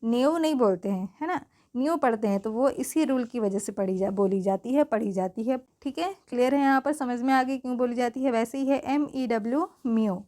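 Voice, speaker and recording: A woman with a fairly high, slightly mellow voice speaks a little fast as she patiently teaches English pronunciation rules. In this spelling-rule lesson she spells words letter by letter and often checks that the listener understands.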